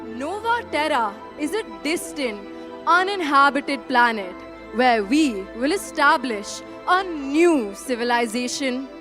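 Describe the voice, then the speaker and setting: A woman's voice: high voice, animated, slow, music in the background. Chancellor Electra, a woman playing a formal stateswoman. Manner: formal, speech-like delivery. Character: visionary female chancellor addressing a council. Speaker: student stage performer. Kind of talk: school stage play.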